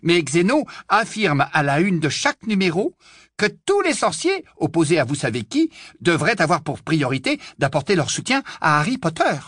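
A blunt, opinionated man who scoffs at what others read, as a storyteller voices him. His voice sits high and bounces around, with a husky grain. Recorded close and dry. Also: big pitch swings, normal speed, fairly bright tone, dry recording. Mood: scornful. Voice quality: scornful.

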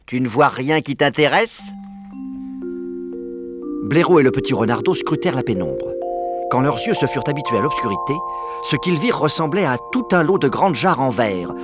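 A man narrating a children's story aloud in a clear, measured way. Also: mid-range voice, very animated, over loud music. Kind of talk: audiobook narration.

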